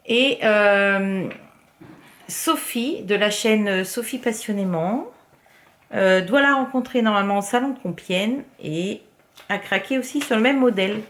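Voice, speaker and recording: A woman vlogger in casual show-and-tell chat, talking her way through her crafts with many fillers and the odd soft murmur. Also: medium pitch, measured pace. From France. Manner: chatty, filler-heavy, often drops to a soft murmur.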